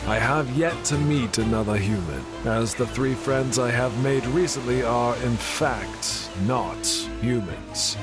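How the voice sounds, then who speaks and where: Man acting a slow-paced, commanding sea captain. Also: medium pitch, over music, natural voice. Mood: reflective. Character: stern male naval captain, dutiful and composed. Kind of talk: animated story voice acting.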